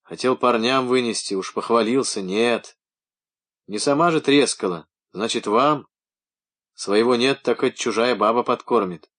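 A man reading an audiobook voices a rough, belligerent young village husband who shouts crude threats. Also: mid-range voice, unhurried. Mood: grumbling.

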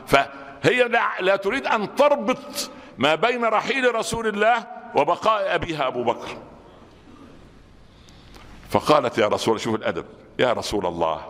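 A man with an Egyptian accent giving a Friday sermon, colloquial and animated, sometimes breaking into sudden shouts. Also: on the high side. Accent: Egyptian Arabic. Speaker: preacher. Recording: long hall reverb.

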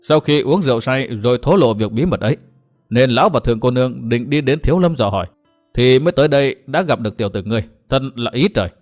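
A man's voice: mid-range voice, animated, quick pace, soft background music, natural voice. A man voicing a blunt, fatherly old martial-arts elder. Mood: gruff.

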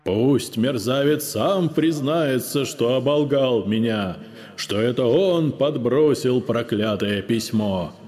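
A man voicing a vengeful, mournful male ghost who moans slowly in a booming, hushed, menacing voice. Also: faint music behind, natural voice. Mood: moaning, menacing. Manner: moaning sepulchral voice, slow and drawn out.

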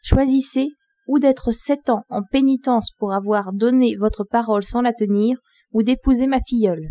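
A woman reads a powerful fairy, imperious and vengeful, who speaks in an absolute, commanding tone. Her voice is fairly high and mellow, recorded dry and close. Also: moderate pace, no room sound, close to an everyday voice. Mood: scolding.

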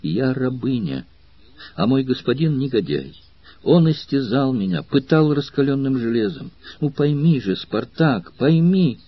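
A man's voice: medium pitch, sing-song, unhurried, slightly rough, dry recording, dull audio. A man voicing a frightened young enslaved woman who pleads in a quavering, tearful voice. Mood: pleading.

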